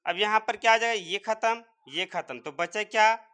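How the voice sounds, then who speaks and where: A man's voice: high voice, normal speed, sharp tone, smooth. A man teaching English pronunciation step by step, repeatedly quizzing his viewers. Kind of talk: spoken English lesson.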